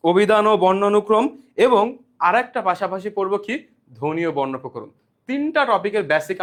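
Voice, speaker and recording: High-voiced young male tutor. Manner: explains step by step, asks rhetorical questions and answers them. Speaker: admission-prep tutor. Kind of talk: online exam-prep lesson.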